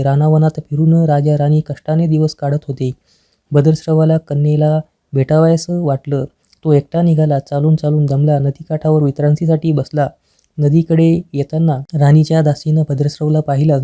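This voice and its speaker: A woman narrating a devotional folk tale as a scripted story reading, in a slow, even recital. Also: sits low.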